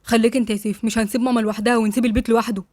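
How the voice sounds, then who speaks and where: A firm, commanding Egyptian older brother speaks in short, clipped orders, as a woman reader lowers her voice for him. The delivery is brisk, and the recording is dry. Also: flat delivery, darkish tone, no echo, lightly acted. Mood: stern. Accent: Egyptian Arabic. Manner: firm, curt.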